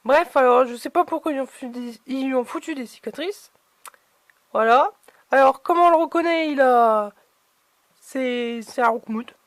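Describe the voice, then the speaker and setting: A high-pitched woman talks through an unboxing of collectible figurines in a loose, chatty way, stopping often to search for words. Her voice is close and dry, with no room sound around it. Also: moderate pace, no echo. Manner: chatty, hesitant, many fillers. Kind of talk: casual unboxing commentary.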